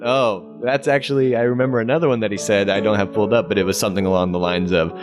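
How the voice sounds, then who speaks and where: A man's voice: fairly low pitch, steady tone, quick pace. A young man co-hosting a casual podcast, laid-back and laughing as he reads quotes aloud. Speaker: podcast co-host. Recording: music playing behind voices.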